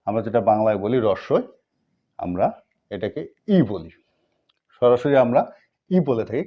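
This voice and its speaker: Patient male teacher drilling sounds slowly. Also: medium pitch, lo-fi sound. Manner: slow, repetitive drilling with pauses; patient, addresses viewers directly. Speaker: language teacher. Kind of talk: step-by-step language lesson.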